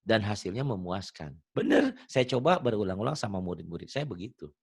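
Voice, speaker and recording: A middle-aged man teaching Quran reading in an online lesson, explaining patiently in a chatty way and chanting recited verses slowly. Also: lowish voice, very animated, vocal fry, slightly rough, dry recording, studio quality.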